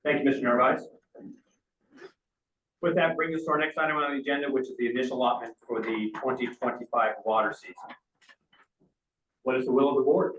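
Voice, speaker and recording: A man's voice: mid-range voice, steady tone, fairly quick, pauses often, fairly bright tone. Distant, echoey man chairing a formal meeting. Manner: formal, courteous. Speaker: board president chairing a meeting. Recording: distant, roomy, dull, faint noise.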